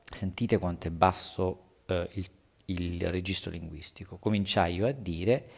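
A man teaching a literature lesson, going over homework answers in a deep voice with a gravelly edge. He explains in a halting way and slows down to read verses with extra weight. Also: fairly even intonation. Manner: halting explanation, reads verses slowly with raised emphasis.

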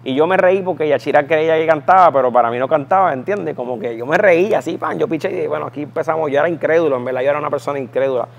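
A man's voice: on the high side, rapid-fire, creaky, few pauses, highs cut off, slight background noise. A man in his thirties with a Puerto Rican Spanish accent, telling his personal conversion story in an emphatic, storytelling way. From Puerto Rico. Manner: storytelling, emphatic, acts out voices in quotes. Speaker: guest giving a testimony.

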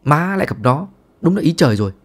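A man voicing a brash, hot-headed young man who talks loud and theatrical, whining and hamming it up. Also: a little high, sing-song, fast, pitched above the performer's own voice. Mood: grumbling.

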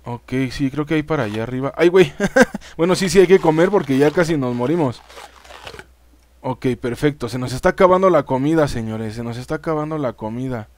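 A man's voice: fairly high pitch, a little fast, dry recording. A man with a Mexican accent giving casual let's-play commentary, chatting straight to his viewers and swearing freely. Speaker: gaming YouTuber.

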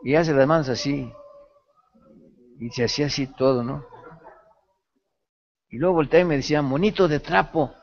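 A man preaches in a lecture, telling his story with laughter and lively feeling. His voice sits at an ordinary middle pitch. The recording is dull and lo-fi, like an old classroom tape. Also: normal speed, long pauses. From Mexico. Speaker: pastoral ethics teacher. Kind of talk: sermon-style lecture.

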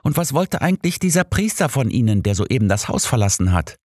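A man voicing a brisk, motherly housekeeper who scolds two quarreling old men. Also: medium pitch, very animated, a little mellow, no room sound, studio quality, pitched above the performer's own voice. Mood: bossy. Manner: bossy, firm.

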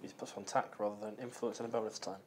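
A man's voice: on the low side, steady tone, very fast, a little mellow, a little hiss or hum. A man giving casual commentary on a tabletop game from an indoor studio.

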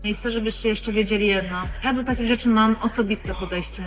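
A woman's voice: on the high side, fairly even intonation, fairly quick, over music. A woman in her thirties making an indignant, emphatic statement into a phone at arm's length in a restaurant. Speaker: social media commentator. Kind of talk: direct-to-camera statement. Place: indoors, restaurant.

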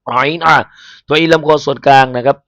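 A man with a Thai accent teaching Quran recitation, chanting letters slowly in a melody and explaining pronunciation in a lesson. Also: medium pitch, steady tone, a bit bright, no echo. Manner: slow melodic spelling chant, then brisk explanation. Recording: dull lo-fi sound.

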